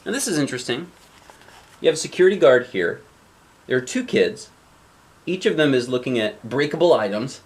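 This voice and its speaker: A man reads a picture book aloud to children in a husky, sing-song mid-range voice, on a rough recording. He breaks off for chatty asides, asking the listener questions and pausing to explain the pictures.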